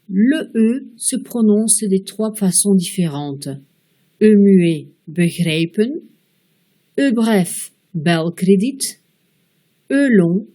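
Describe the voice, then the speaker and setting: A woman teaching a pronunciation lesson, explaining rules step by step and slowing down to model each example word. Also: medium pitch, warm tone. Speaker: language teacher. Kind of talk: slow, careful pronunciation lesson.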